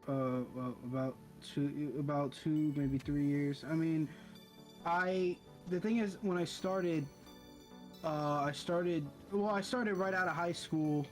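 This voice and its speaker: A man's voice: on the high side, fairly even intonation, slow pace, a little mellow, soft background music. A young man, a college student, chatting casually over a voice call, rambling and stumbling over his words. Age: young adult.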